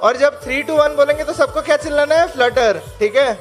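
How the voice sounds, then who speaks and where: High-voiced man rallying a crowd. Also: moderate pace. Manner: urging, repetitive calls to the crowd. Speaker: event organizer on stage. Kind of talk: energetic crowd hype. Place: large indoor event hall. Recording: music and crowd behind, live event.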